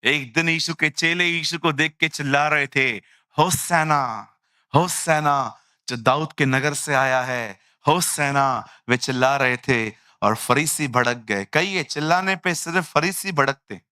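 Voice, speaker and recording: A male preacher who talks slowly and deliberately in a bright, forceful voice that sits fairly high. He acts out the people he meets and pokes fun at them. The sound is dry and close. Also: smooth, no echo. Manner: animated, acting out people and mocking them. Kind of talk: lively Hindi sermon.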